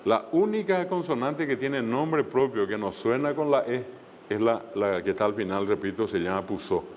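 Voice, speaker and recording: A man's voice: mid-range voice, expressive, normal speed, long reverb tail, a little hiss or hum. A man teaching a language class online, explaining step by step with frequent fillers and repeated examples.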